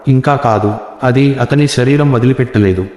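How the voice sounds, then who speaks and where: A man voicing a grim old village man who speaks slowly and gravely. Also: mid-range voice, darkish tone, natural voice. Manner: slow, grave warnings. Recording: roomy echo with long reverb.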